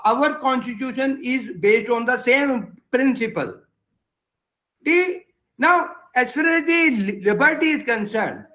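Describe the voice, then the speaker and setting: A man with an Indian English accent giving a formal webinar lecture as a guest advocate. He talks in a slow, repetitive lecturing way, circling back to key words, over a video call. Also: very high voice, sharp tone, poor audio. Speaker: guest speaker, senior advocate.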